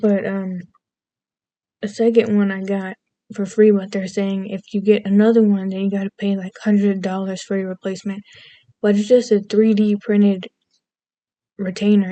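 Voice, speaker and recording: Casting: American woman with a faint Southern lilt, a chatty vlog rambler with a mellow, fairly even delivery. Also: medium pitch, normal speed. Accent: American with a slight Southern lilt. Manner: meandering, self-interrupting, goofy. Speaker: vlogger. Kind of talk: casual rambling monologue.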